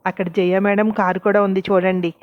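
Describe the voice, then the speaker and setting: A woman's voice: medium pitch, level tone, fairly quick, no room sound, lo-fi sound, lightly acted. A sly, talkative servant woman in an audio storybook, as a woman narrator puts her on. Her coaxing is polite on the surface. The recording is dry and close.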